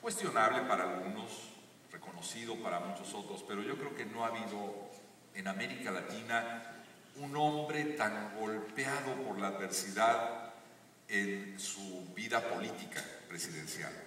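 An earnest man tells a story on a theater stage and builds to emphatic high points. His lowish voice comes out bright and forceful through the house speakers. It is caught from far back in the seats, with a long, roomy echo and a faint hiss. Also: unhurried. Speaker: guest speaker on a live stage talk. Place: large theater stage with audience. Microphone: stage PA, recorded from the audience seats. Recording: echoey theater audio from far off.

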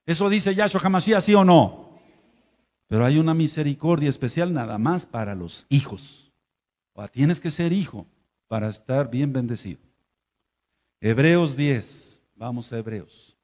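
A man with a Mexican Spanish accent preaching a sermon, firing rhetorical questions and swinging between quiet and loud. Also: medium pitch, lively intonation, normal speed. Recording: dull lo-fi sound with long hall reverb.

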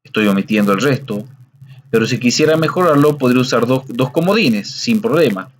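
A man teaching a screen-recorded coding lesson, explaining patiently step by step and often checking in with listeners. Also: medium pitch.

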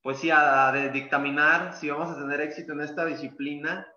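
A man's voice: fairly high pitch, flat delivery, fairly quick, sharp tone. A man who coaches calisthenics, explaining in a loose, casual way full of "pues" and repeated words. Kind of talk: masterclass explanation. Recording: echoey room, dull lo-fi sound.

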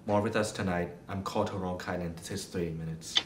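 A man's voice: steady tone, brisk, close to an everyday voice. A young man playing a solemn TV newsmagazine anchor, narrating a parody documentary with grave, melodramatic delivery. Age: young adult. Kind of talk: scripted mock news documentary narration. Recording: roomy sound with rumbling noise.

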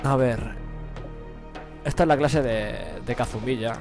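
A man's voice: mid-range voice, unhurried, over music, rough recording. A young man with a Spain Spanish accent, giving slangy, profane live gameplay commentary and laughing often. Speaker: gaming streamer.

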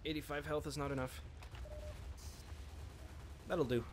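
Over background noise, a man with a fairly high pitch speaks unhurriedly in a steady tone. It's laid-back let's-play commentary, full of rambling, self-directed jokes while he games.

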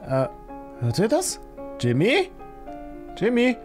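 A man giving scared, jumpy commentary on a horror-themed game, swinging between high panicked yells and low fearful muttering while talking to his viewers. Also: wildly swooping pitch, slow, soft background music. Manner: keeps talking to viewers as friends. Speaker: gaming YouTuber.

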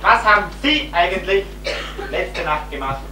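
A man's voice: high voice, very animated, a little slow, bright, forceful tone, full character voice. A young man playing a stern, officious village policeman in an amateur stage comedy. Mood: stern, puzzled. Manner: curt, officious. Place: small theatre stage, recorded from the audience. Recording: echoey stage, distant camera mic, hissy hum.

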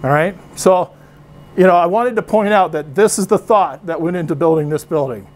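A man's voice: high-pitched, normal speed. A man guiding a tour through a film factory, explaining things in a friendly way. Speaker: factory guide. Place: factory floor.

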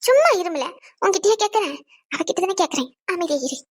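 A woman's voice: extremely high pitch, lively intonation, fairly quick, no room sound, clean studio sound. A woman voicing a stern but caring older mother in a cartoon who lectures and scolds her family. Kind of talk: cartoon voice acting.

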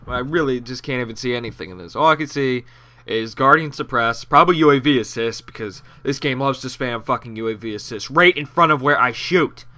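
A man's voice: medium pitch, fairly quick, bright, forceful tone. A young man giving rambling, profane, sarcastic commentary over his gameplay, with a nasal voice. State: out of breath. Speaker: gaming commentator.

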